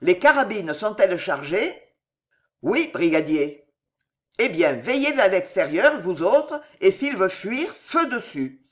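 A brisk gendarme sergeant snaps out curt, loud orders to his men. A reader acts him out with lively swings of pitch, in an audiobook reading. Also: full character voice. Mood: commanding.

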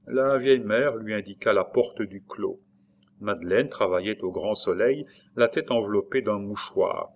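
A man reading a classic novel aloud in a measured, even storytelling manner. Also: lowish voice. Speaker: narrator.

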